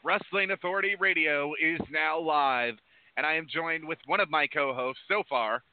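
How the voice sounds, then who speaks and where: A man's voice: on the high side, normal speed, no room sound. A man hosting a live internet wrestling radio show as its presenter. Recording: dull, muffled lo-fi audio.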